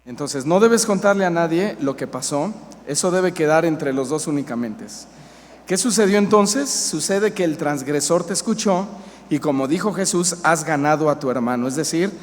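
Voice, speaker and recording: Un pastor mexicano de mediana edad predicando con énfasis y haciendo preguntas a la congregación. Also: male voice, on the high side. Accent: Mexican Spanish. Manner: emphatic, asks the congregation questions. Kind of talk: sermon. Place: church hall. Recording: reverberant church hall, faint hiss.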